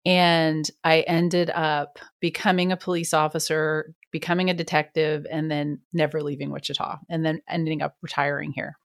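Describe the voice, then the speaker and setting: Middle-aged new lady, retired cop, low voice, chatty and candid, dry close sound. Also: level tone, normal speed, hardly any pauses, dry recording. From New York. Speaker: retired police detective, guest. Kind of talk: casual interview conversation.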